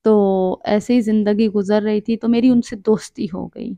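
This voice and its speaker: A woman's voice: medium pitch, fairly even intonation, dark tone, dry recording. A young woman from Pakistani Punjab telling a personal story in an earnest, reflective and advising way. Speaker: storyteller and author. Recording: dull, dry lo-fi recording.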